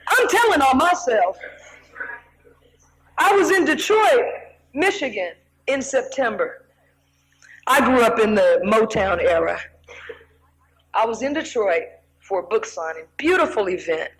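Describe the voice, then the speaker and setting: An older woman minister preaching a sermon, telling stories animatedly and acting out excited shouts. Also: fairly high pitch, measured pace, long pauses, rough recording.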